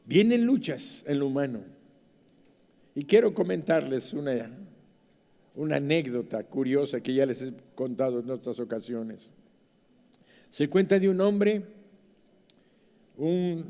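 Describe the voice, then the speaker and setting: A man with a Mexican accent preaching a sermon as pastor, dramatic, swinging from soft to loud. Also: fairly high pitch, vocal fry. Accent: Mexican Spanish. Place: church. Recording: church hall reverb.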